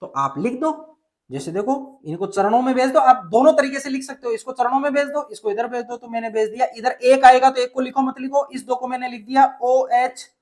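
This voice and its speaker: A man's voice: extremely high pitch, fairly quick, a little mellow. A male teacher from Rajasthan explaining a chemistry lesson step by step, often asking a question and then answering it himself. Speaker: science teacher.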